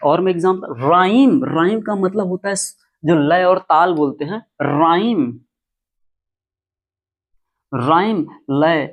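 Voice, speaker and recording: Pitched high and speaking at a normal pace, a man gives a classroom-style lesson on English pronunciation. He drives home the rules emphatically and keeps repeating key words.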